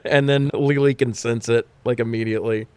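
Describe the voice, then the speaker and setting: A man co-hosts a casual movie review podcast, recapping scenes with sarcastic, profane jokes and frequent laughter. His voice sits at a middle pitch. The sound is dry and close, with no room around it. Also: fairly even intonation, a little fast, darkish tone, clean tone, dry recording. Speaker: podcast co-host.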